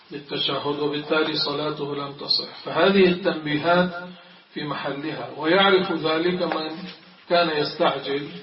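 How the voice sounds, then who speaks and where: A middle-aged man gives a religious lesson on Quran recitation, reciting examples aloud and answering his own questions. His voice sits a little high. The recording is dull and lo-fi, with the speaker set well back from the mic in a reverberant space. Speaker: sheikh teaching a religious text. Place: mosque. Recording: echoey, distant, dull lo-fi recording.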